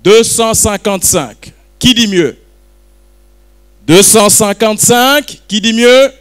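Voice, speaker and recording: A man's voice: sits high, takes it slowly, a bit bright, clear, resonant tone. A man running a live auction at a book launch, calling and repeating bids while teasing the crowd. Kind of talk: joking live auction patter.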